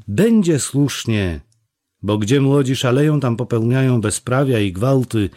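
A man voicing a proud, sharp-tongued young village woman who mocks and scolds in a raised voice. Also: mid-range voice, voice pushed up. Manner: mocking, scolding.

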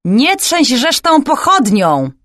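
This is a greedy old thief in an audiobook, his voice raspy and wheedling, put on by a woman narrator. He draws out his words slowly and sings them under his breath. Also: mid-range voice, animated, no room sound, clean studio sound. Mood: snarling.

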